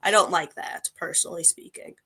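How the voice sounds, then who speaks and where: A young woman in her twenties hosting a casual interview, chatty and full of "like" fillers. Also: brisk. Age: 20s. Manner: chatty, frequent "like" fillers, lively when quoting others. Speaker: host.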